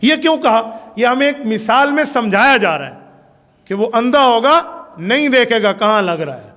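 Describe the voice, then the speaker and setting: A man's voice: very high-pitched, animated, pushed and bright, in a large hall. A man preaching a religious sermon with a Pakistani Urdu accent, reciting Arabic passages and then explaining them with rising emphasis. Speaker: Islamic preacher.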